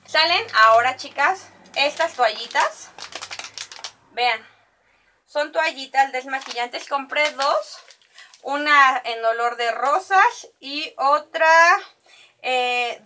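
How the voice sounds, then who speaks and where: A woman's voice: sits high, sharp tone, slight background noise. A woman with a Mexican accent chatting through a makeup shopping haul, rambling and talking straight to her viewers. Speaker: beauty vlogger. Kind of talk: casual shopping haul vlog.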